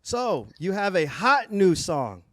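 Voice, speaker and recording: A man's voice: high voice, sing-song, slow, no room sound, clean studio sound. A man hosting a casual livestream interview as a DJ, hyped and full of praise. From United States. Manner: hyped, repeats praise like "very dope". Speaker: livestream DJ host.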